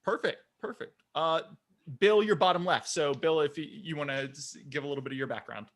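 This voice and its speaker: A man's voice: a little high, fairly quick, fairly bright tone. A man hosting a podcast in casual interview talk, upbeat and chatty, often repeating words as he goes. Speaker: podcast host.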